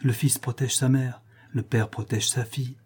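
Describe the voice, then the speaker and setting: A man's voice: medium pitch, steady tone, moderate pace, darkish tone, breathy edge. A man voicing a grieving, melancholy prince in an audiobook reading, speaking solemnly and sorrowfully. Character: grieving middle-aged prince, noble and melancholy.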